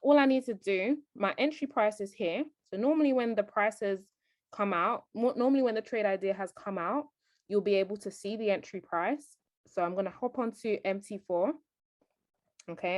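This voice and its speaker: A woman explains trading one step at a time in a voice-over for a screen recording, repeatedly pausing to ask the viewer "okay?". Her medium-pitched voice moves at normal speed, in studio-quality audio with no room sound.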